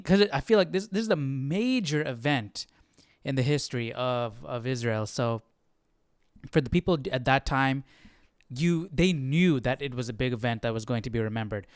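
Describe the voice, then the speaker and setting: In a casual, unscripted Bible study, a male host thinks out loud with some hesitation, frequently checking in with "right?" as he teaches. His medium-pitched voice is clean, captured in a clean studio with no room sound.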